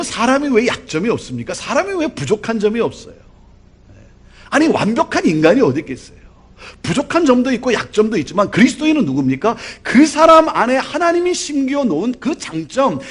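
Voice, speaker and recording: A middle-aged male pastor preaching a sermon in an animated way, voice rising and falling in loudness, with a husky tone. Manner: animated preaching with lively swings of pitch and loudness.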